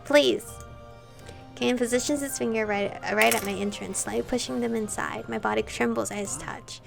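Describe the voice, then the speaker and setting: A woman's voice: a little high, fairly even intonation, brisk, creaky. A young woman streamer reading a romance game's text aloud, playful and prone to flustered asides. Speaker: game streamer reading a visual novel. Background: faint background music.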